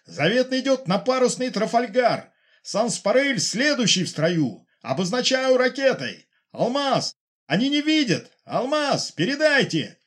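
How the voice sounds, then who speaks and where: A man doing a frantic pilot shouting over radio. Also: high voice, breathy edge, pitched above the performer's own voice, exaggerated voice. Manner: urgent shouted radio reports.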